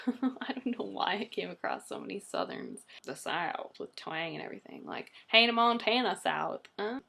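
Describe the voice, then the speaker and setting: A woman's voice: mid-range voice, lively intonation, normal speed, vocal fry, sharp tone. A young Canadian woman in casual vlog chat, rambling and giggling as she pokes fun at herself. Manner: rambling, giggly, self-deprecating. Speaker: vlogger.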